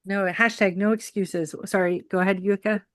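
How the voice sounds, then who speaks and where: A woman's voice: mid-range voice, steady tone, normal speed, dry recording, clean studio sound. Upbeat encouraging woman moderator. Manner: upbeat, encouraging, laughs easily. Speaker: co-host and moderator. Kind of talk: casual group facilitation.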